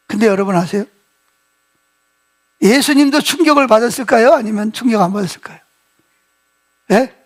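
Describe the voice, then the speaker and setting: A male pastor preaching a sermon, telling the story with lively acted-out quotes and questions to the congregation. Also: very high voice. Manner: animated storytelling, acting out quoted speech, asking the congregation questions. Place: church sanctuary.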